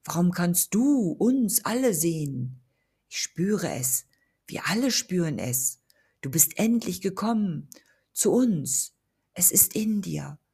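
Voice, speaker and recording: A woman voicing an eerie, pleading ghost in a slow, breathy whisper. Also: fairly low pitch, big pitch swings, mellow, heavily acted.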